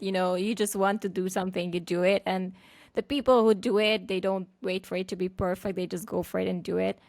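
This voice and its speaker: A woman's voice: on the low side, vocal fry, dry recording. A woman hosting a podcast, chatty and upbeat, asking questions and sharing her own story. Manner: chatty, quick to laugh, upbeat. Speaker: podcast host. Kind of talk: casual interview chat.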